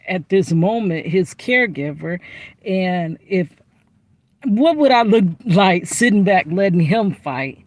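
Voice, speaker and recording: Woman, casual storytime vlog, animated and chatty, recorded in a car, dry close sound. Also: fairly low pitch, no room sound. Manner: animated, chatty, lots of asides and fillers. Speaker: vlogger telling a story. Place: inside a parked car.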